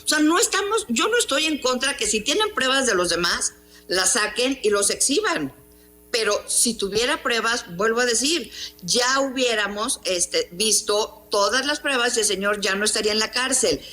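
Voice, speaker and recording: A middle-aged woman journalist and columnist with a Mexican Spanish accent speaks in an interview on a news program, emphatic and indignant and posing rhetorical questions. Her voice is a little high, expressive, and pushed and bright at a normal speed, with faint music in the background.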